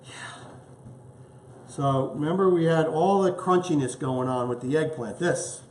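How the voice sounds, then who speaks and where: A man's voice: on the high side, a little slow, darkish tone, echoey room, a little hiss or hum. A man hosting a casual home cooking show, chatting eagerly as he tastes his dish. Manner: enthusiastic, chatty, tasting food as he talks.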